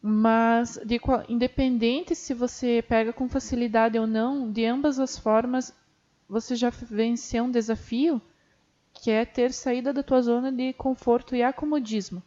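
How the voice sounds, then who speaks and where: A woman's voice: fairly high pitch, fairly even intonation, unhurried, warm tone. A woman, a guest on a podcast, talking earnestly and encouragingly in long run-on sentences. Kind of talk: casual chat. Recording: muffled lo-fi audio.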